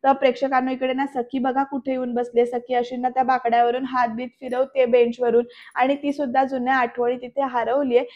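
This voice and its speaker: A woman's voice: high-pitched, level tone, lo-fi sound. A woman narrating a voice-over recap of a TV serial episode, retelling scenes and speaking straight to her viewers. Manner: retells scenes briskly, addresses viewers directly. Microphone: voice-over recorded separately.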